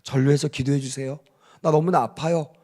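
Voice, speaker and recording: A man's voice: a little high, steady tone, fairly quick, warm tone, lightly acted. A man quoting a worn-out sick wife. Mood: plaintive. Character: sick, exhausted wife asking for sympathy.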